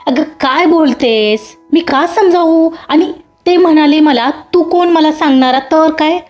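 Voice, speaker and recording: A woman's voice: high-pitched, a little slow, a little mellow. A woman voicing a jealous, dismissive young male assistant who speaks in a curt, defensive way. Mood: sulky. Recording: dull lo-fi audio with faint music.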